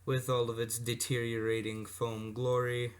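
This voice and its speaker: A man speaks in a monotone, mid-range voice at a moderate pace while showing vintage electronics as a hobbyist presenter. His casual demo is unscripted and rambling, with asides and self-corrections; the recording is noisy, amateur, and clicky.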